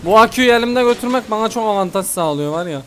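A young man commentating a horror game let's play, panicky and exasperated, pleading and yelling at the monster chasing him. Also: high voice, lively intonation, fast, slight background noise. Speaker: gaming YouTuber.

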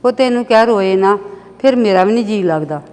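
A woman's voice: mid-range voice, animated, fairly quick, darkish tone, big-room sound, natural voice. A middle-aged woman with a Punjabi accent acting a soothing, motherly mother on a phone call.

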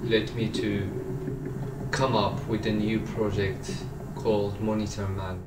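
A man in his thirties from Morocco, an artist speaking slowly about his work and searching for words. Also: on the low side, flat delivery, reverberant, distant mic, very noisy. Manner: slow, halting, searching for words. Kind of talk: reflective interview voice-over.

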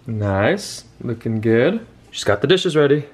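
A man's voice: mid-range voice, big pitch swings, measured pace, darkish tone. A young man chatting playfully to the camera as he vlogs at home in the kitchen. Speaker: vlogger. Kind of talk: casual home vlog.

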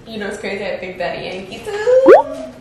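A woman's voice: medium pitch, huge pitch swings, normal speed, very echoey, distant mic, very noisy. A woman chatting casually with a friend, laid-back, slangy and playful. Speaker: guest friend. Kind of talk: casual chat.

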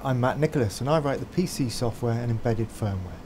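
A software developer introducing his work in a calm, clear way. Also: mid-range voice, a little fast, background noise. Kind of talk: scripted self-introduction.

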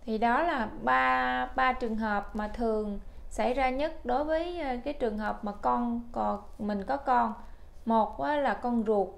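A Vietnamese-native woman teaching English to older learners, repeating phrases slowly and carefully. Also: a little high, creaky. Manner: slow, careful spelled-out English drills. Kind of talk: language lesson for older learners.

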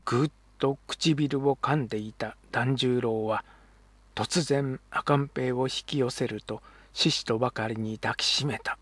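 A man narrating historical fiction as an audiobook reader, in a calm, measured way. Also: medium pitch, husky, no echo.

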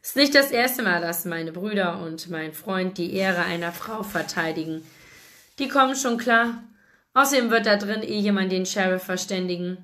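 A woman's voice: mid-range voice, moderate pace, fairly bright tone, natural voice. A woman reading the part of a cheerful, bold young woman who teases and laughs, from a novel. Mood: teasing. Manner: grinning, laughing, teasing.

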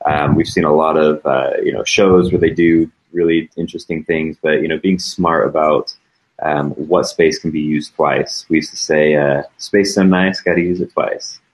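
A man who builds tiny houses, answering questions in a relaxed live Q&A, with lots of fillers. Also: rumbling low, normal speed, rough recording. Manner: casual, filler-heavy. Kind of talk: live Q&A chat.

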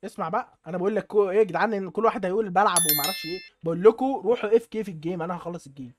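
A man with an Egyptian Arabic accent, bragging and trash-talking his friends over voice chat while gaming. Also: high voice. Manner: cocky, rapid-fire trash talk with lots of repeating. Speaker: gaming streamer.

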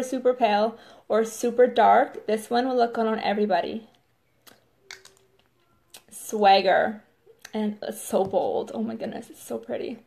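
A woman's voice: on the high side, gravelly, a little mellow. A woman hosting a casual live makeup demo, chatty and filling her talk with "like" and "totally". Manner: chatty, says "totally" and "like" often.

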